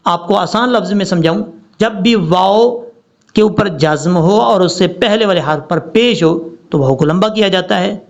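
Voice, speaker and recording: A man teaching a recitation lesson step by step, stretching out each word slowly to show the correct pronunciation. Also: sits high, creaky, dull audio. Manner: slow drawn-out demonstration of each word. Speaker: religious teacher.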